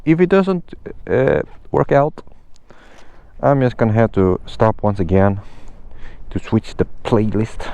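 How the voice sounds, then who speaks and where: A man's voice: on the low side, very animated, slow, no room sound. A man doing laid-back, rambling motovlog commentary from inside his helmet as he rides, casually peppering his talk with filler phrases. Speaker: motorcycle vlogger. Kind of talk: casual riding commentary to camera. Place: inside a helmet, riding a motorbike outdoors. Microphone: helmet-mounted microphone. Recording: muffled helmet mic, loud wind and engine noise.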